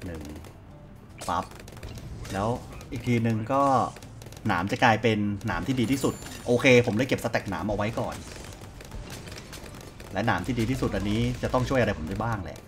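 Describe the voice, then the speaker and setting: A man's voice: fairly low pitch, moderate pace, long pauses, soft background music. A man giving casual let's-play commentary, chatty and thinking aloud as he plays. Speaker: gaming YouTuber.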